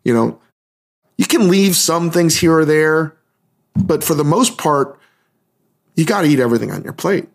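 A hungover man hosting a podcast, talking in a casual, rambling monologue with a halting, musing delivery. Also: a little high, expressive, creaky. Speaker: podcast host.

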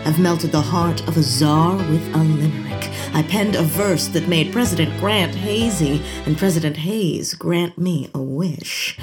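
A deadpan, dutiful poet played by a woman in a comedic audio drama. She speaks low and very slowly, with dry understatement. Clear music sits behind her. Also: lightly acted. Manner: deadpan, matter-of-fact.

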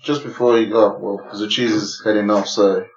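A laid-back male podcast host chats casually and drops slang. His voice sits at an average pitch. The room sounds echoey and the audio a little muffled. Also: steady tone, normal speed. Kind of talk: casual chat. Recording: roomy, slightly dull podcast recording.

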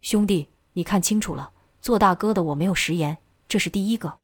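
A woman's voice: on the low side, fairly quick, slightly rough, dry recording, clean studio sound. A woman doing a cold, curt male fighter. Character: cold, stern vengeful young male fighter.

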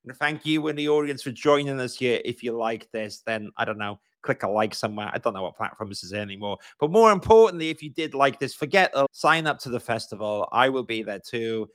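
A man's voice: medium pitch, a bit bright, no room sound. A man with a Welsh accent hosting a live-stream interview, upbeat and chatty as he wraps up and thanks his guest. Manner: upbeat, spells out web addresses slowly. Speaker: host.

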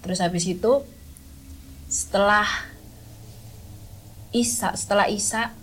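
A woman, a podcast guest who recalls a camping trip in a casual, halting way, often stopping to search for words. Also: medium pitch, slight background noise, rough recording. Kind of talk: casual spoken recollection.

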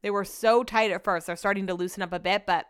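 A woman's voice: medium pitch, fairly even intonation, fast, smooth, dry recording, studio quality. A young American woman with a slight slushy lisp on her s sounds, chatting casually and slangily as she recounts stories on her own podcast. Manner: chatty, slangy, animatedly quotes herself and others. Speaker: podcast host.

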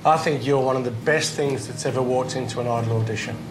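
A man's voice: medium pitch, steady tone, fast talker, background noise. A man judging a televised talent show audition, speaking in effusive praise. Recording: roomy TV clip with music.

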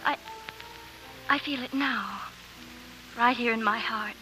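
A woman's voice: fairly high pitch, takes it slowly, bright, forceful tone, low-quality recording. An actress playing an eager young woman who dreams of stardom, breathless, earnest and dramatic, in a 1940s radio play. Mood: rapturous. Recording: old radio broadcast with music.

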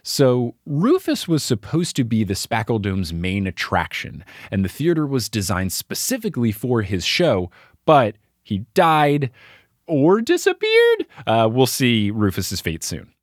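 A man's voice: medium pitch, huge pitch swings, unhurried, dry recording, studio quality. A man hosting a podcast, recapping a cartoon episode in a wry, chatty way. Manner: chatty, wry storyteller, keeps score. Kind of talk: casual chat.

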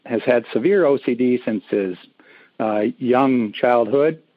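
A man's voice: medium pitch, a little slow, dry recording. A man from Minnesota calling in to a radio show, speaking hesitantly and reading his question aloud over a phone line. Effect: radio show caller heard over a phone line. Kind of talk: call-in question to a spiritual healer. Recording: tinny, dry phone line.

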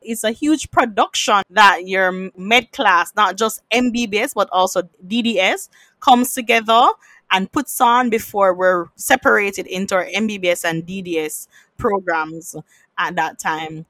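A woman's voice: mid-range voice, a little slow, bright, forceful tone, no echo. A woman hosting an interview, asking curious questions and laughing along with her guest. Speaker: host.

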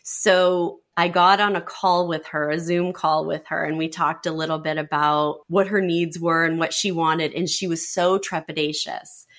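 A woman working as a wardrobe stylist, guesting on an interview and telling a client story, acting out what people said in lively, shifting voices. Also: low voice, moderate pace, few pauses. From lives in Sarasota, Florida. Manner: lively storyteller who acts out quoted speech.

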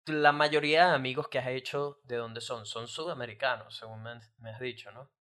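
A man's voice: medium pitch, fairly quick. A man with a Venezuelan accent hosting a casual podcast interview, chatting loosely and full of slang fillers. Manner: relaxed slangy banter, frequent filler "marico". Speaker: podcast host.

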